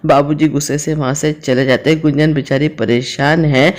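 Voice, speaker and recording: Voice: mid-range voice, little pitch movement, normal speed. A vlogger recapping a television serial episode, retelling scenes and reading out the dialogue.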